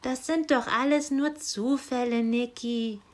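A woman's voice: a little high, steady tone, a little slow, pitched above the performer's own voice, natural voice. A woman reading aloud and voicing an insistent female helper angel who coaxes with cooing pet names. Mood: coaxing.

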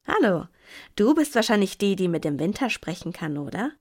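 A cheerful male snow penguin from a children's storybook, voiced by a woman reading aloud. He is friendly and welcoming and smiles through his words. The voice sits at a mid pitch. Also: very animated, moderate pace. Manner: warm, welcoming.

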